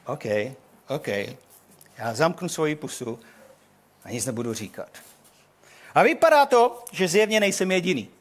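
An older man preaching a sermon in a hall, telling the story in an animated way and acting out the quotes. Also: on the high side, long pauses.

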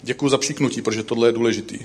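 A middle-aged man preaching in a lively, conversational way. He pokes fun at himself as he tells stories. His voice jumps up for emphasis and then drops low and quiet for the punchlines, at an ordinary middle pitch. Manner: self-deprecating, jokey storytelling; lively swings between loud highs and low asides. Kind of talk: sermon with humorous personal stories.

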